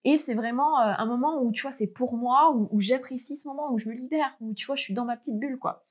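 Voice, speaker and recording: A young woman coaching fitness in a relaxed, chatty way, her voice sitting a little high. She talks straight to the viewer and fills her sentences with little asides and fillers. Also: fast talker. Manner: chatty, many fillers, addresses viewer directly. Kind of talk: casual coaching talk.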